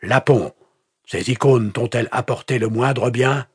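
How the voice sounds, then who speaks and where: A man voicing a furious Lutheran pastor who shouts bullying demands at a prisoner in an audiobook. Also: mid-range voice, unhurried, slightly rough, no echo, clean studio sound, voice pushed up. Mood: furious shouting. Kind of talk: audiobook character voice.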